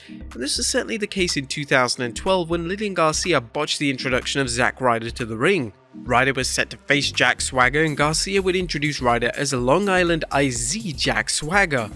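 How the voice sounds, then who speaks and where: A man's voice: mid-range voice, normal speed, pushed and bright, faint music behind. A man reading scripted narration for a countdown video as its narrator.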